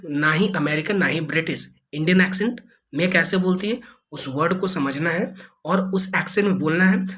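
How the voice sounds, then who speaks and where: A man's voice: on the high side, a bit bright. A man teaching a spoken English lesson in casual Hindi, drawing out vowel sounds and repeating them with corrections. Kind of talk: online lesson, explaining in casual conversational Hindi.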